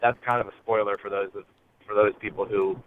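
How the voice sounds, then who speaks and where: A man's voice: on the low side, fairly even intonation. Man calling in over a car speakerphone. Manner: hesitant, many filler pauses. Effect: car speakerphone call over Bluetooth. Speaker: caller. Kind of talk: casual call-in message. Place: inside a car. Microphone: Bluetooth car speakerphone. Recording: tinny phone line from a car.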